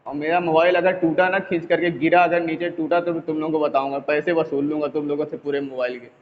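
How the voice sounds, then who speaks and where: Chatty teacher scolding students on phone. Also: male voice, fairly high pitch, steady tone, fast. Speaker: physics teacher. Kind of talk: online class, casual teasing. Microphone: mobile phone. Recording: echoey, tinny phone line, faint noise.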